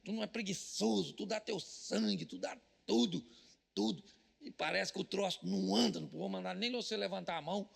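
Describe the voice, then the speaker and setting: A man with a Brazilian Portuguese accent, a pastor giving a comedic sermon at a business event, joking loudly and mimicking people praying. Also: high-pitched, a little fast, gravelly, long reverb tail.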